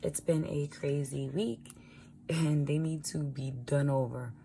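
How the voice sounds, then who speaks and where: A woman with a raspy early-morning voice, chatting informally as a vlogger while she writes out a budget. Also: low voice, slow, mellow, a little hiss or hum. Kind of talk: casual budgeting vlog narration.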